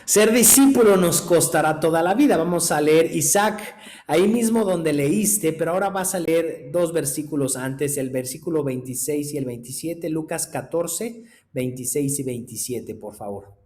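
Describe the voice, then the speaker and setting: A man, a pastor teaching a discipleship class, preaching emphatically and swinging between loud exclamations and soft asides. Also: fairly high pitch, normal speed. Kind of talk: sermon.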